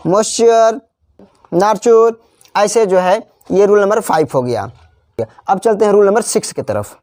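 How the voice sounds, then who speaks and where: A man teaching a spelling lesson. He spells out letters slowly, repeats each example word, and slips into chatty asides. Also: sits high, darkish tone, no echo, studio quality. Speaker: English teacher. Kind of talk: classroom-style spelling lesson.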